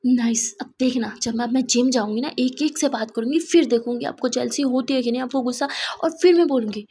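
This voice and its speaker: A woman's voice: a little high, brisk, dark tone, a little hiss or hum, lightly acted. A woman voicing a jealous, snappy young woman. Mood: jealous, sarcastic. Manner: snappy, sarcastic. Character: hot-tempered jealous young woman, a singer.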